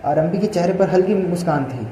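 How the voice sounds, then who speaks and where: A man's voice: high-pitched, brisk, dark tone. A man narrating a dramatic audio story in a plain read-aloud style. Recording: echoey room with faint noise.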